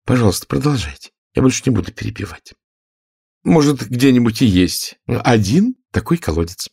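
A man's voice: mid-range voice, very animated, moderate pace, gravelly, a little mellow, slightly rough, dry recording, studio quality, pitched above the performer's own voice, exaggerated voice. A man voicing a curious, polite young girl in a storybook, asking eager questions.

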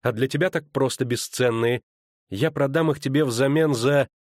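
A man's voice: normal speed, dry recording, studio quality, natural voice. A man voicing a proud, spurned sorceress woman who speaks with biting sarcasm in an audiobook. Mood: businesslike. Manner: biting sarcasm, rising pitch. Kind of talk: audiobook character voice.

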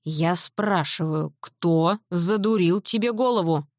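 Stern, hot-tempered dad, read by a woman narrator: loud, slow, emphatic lines, low-set voice. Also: no echo, clean studio sound. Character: stern Soviet father, middle-aged man, quick-tempered.

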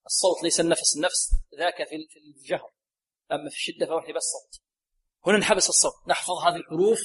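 A man's voice: fairly high pitch, rapid-fire, breathy edge. A man teaching Quran recitation to students, drilling letter sounds aloud and quizzing the class. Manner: drills sounds aloud, asks the class questions and repeats answers; often repeats a set blessing phrase to the students. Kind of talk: tajweed lesson to students.

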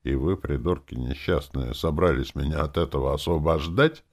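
A man's voice: extremely low pitch, moderate pace, darkish tone. A man voicing a brash, crude male elf ghost bard who brags and swears. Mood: boastful.

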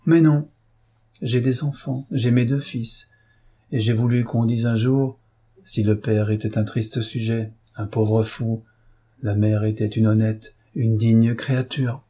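A man's voice: medium pitch, normal speed, dark tone, husky, lightly acted. A man reading an audiobook, voicing an earnest, proud young upper-class woman who speaks with heartfelt, emphatic pleading. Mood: impassioned.

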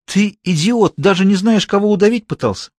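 A man's voice: a little high, big pitch swings, moderate pace, no room sound, studio quality, pitched above the performer's own voice. A man voicing an irritable, scheming male crime boss who scolds and lectures his underling. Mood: scornful. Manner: scornful, bossy, lecturing.

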